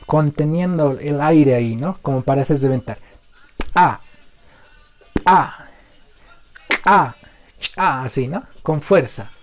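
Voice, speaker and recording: A man teaching a live online language lesson, answering questions patiently and stretching out example words slowly, with many pauses. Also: on the high side, mellow, highs cut off.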